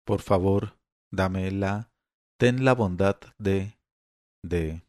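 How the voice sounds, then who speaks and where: A man voicing an irritable eighty-year-old father who stumbles over words and turns sharp and shrill when annoyed, read aloud in an audiobook. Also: dry recording, studio quality. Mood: halting. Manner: halting, testy, voice rising when irritated.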